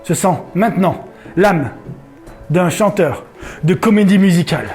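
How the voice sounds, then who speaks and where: A man hosting a comedy hypnosis show, giving slow, calming commands. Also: sits high, faint music behind. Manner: slow soothing inductions, laughing banter. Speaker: stage hypnotist and host.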